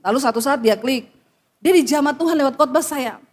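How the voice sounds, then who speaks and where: A middle-aged woman pastor delivers a sermon with a high voice. She scolds her listeners bluntly and drops into casual slang as she preaches. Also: a little fast, darkish tone.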